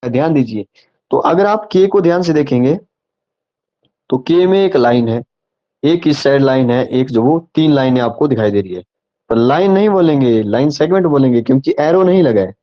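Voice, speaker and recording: Speaking at a normal pace with an animated, medium-pitched voice, this male online tutor teaches a live class through muffled audio. He's patient, repeating himself and asking the students if they understand.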